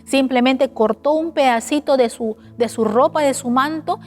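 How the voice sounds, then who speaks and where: A woman preaching a sermon in an animated way, asking the listeners rhetorical questions. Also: high voice, normal speed. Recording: faint music behind.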